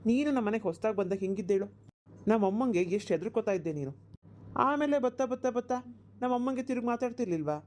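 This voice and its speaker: A woman voices a grown village son in a cartoon who talks his worried mother down. He explains patiently and reassuringly, in a mellow, dark tone. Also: a little high, expressive, quick pace, lightly acted. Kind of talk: cartoon voice acting.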